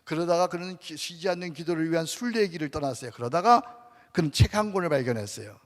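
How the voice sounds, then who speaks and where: A male pastor preaching a sermon at a conference. He swings between loud calls and hushed, prayerful murmurs, asking his listeners questions and having them repeat prayers. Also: a little high, expressive, fast. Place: church sanctuary with long reverb. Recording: reverberant church hall.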